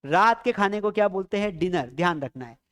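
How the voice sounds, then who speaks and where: A man's voice: high-pitched, lively intonation, brisk, fairly bright tone. Male English teacher. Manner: explains patiently, drills pronunciation, asks the viewers questions. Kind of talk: spoken English lesson.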